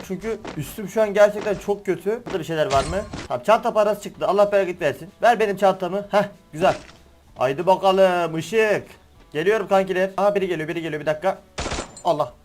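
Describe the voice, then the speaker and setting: A young man giving excitable, slangy play-by-play of a shooter game, teasing the players he beats. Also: sits high, a little hiss or hum. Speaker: gaming streamer. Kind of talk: live gameplay commentary. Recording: game music and gunfire behind.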